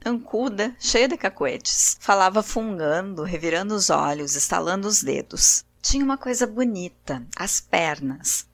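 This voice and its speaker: A woman hosting a literature podcast, reading a grotesque comic story aloud and voicing its characters' quotes with shifts in pitch. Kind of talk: expressive reading of grotesque fiction.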